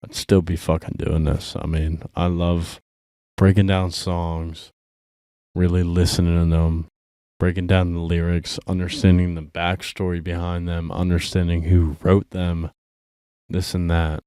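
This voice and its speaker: A man's voice: deep voice, flat delivery, measured pace, dark tone, clear, resonant tone, no echo, studio quality. A tired young man hosting his own music show, talking casually in a profane, rambling way. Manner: profane, laid-back rambling. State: tired and drinking. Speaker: host. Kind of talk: casual solo music commentary.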